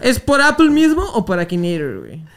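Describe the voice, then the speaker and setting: A young podcast co-host with a Mexican accent and a mid-range voice. They talk in loose, rambling banter, full of slang and profanity, with an excitable delivery. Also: mid-range voice, a little fast. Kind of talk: casual podcast banter about memes.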